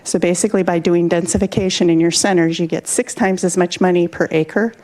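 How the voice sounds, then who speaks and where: A woman's voice: fairly low pitch, steady tone, brisk, darkish tone. A woman speaking at a city council public comment, out of breath and drifting away from the mic as she demonstrates. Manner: moves around while talking, drifting off the mic.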